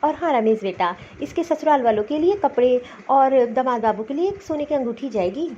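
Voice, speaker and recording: A woman's voice: high-pitched, animated, moderate pace, warm tone, a little hiss or hum. A woman voicing a lazy, dismissive older mother-in-law in a cartoon story, scolding and brushing off requests. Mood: cheerful. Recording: slightly dull lo-fi recording.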